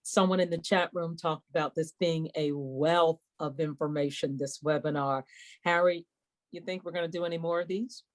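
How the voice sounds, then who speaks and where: A woman's voice: low voice, fairly even intonation, normal speed. A woman hosting an online webinar question and answer session in a courteous, somewhat formal way. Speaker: webinar host and moderator.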